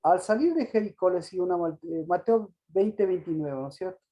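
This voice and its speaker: A man teaching an interactive Bible study on a video call, pausing and repeating words as he asks questions. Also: sits high, dark tone, muffled recording.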